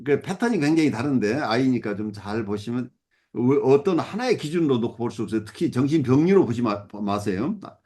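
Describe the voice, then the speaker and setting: A man's voice: medium pitch, animated, fairly quick, dark tone. A middle-aged man supervising a case, explaining step by step with many fillers and self-corrections. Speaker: psychoanalysis supervisor. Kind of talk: explanatory teaching talk.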